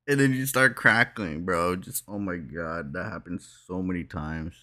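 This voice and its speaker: A young man with a very low voice that still sounds bright and forceful. He chats casually as a podcast co-host, slangy and quick to swear. He drops "bro" into nearly every thought. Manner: slangy, swears freely, says "bro" a lot. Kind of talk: casual chat.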